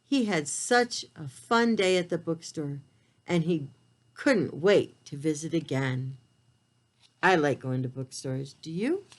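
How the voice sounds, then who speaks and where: A woman reads a picture book aloud to preschoolers as an expressive storyteller, addressing the children in simple, direct language. Her voice is slightly low. Her pitch swings in lively ways, but her pace stays slow.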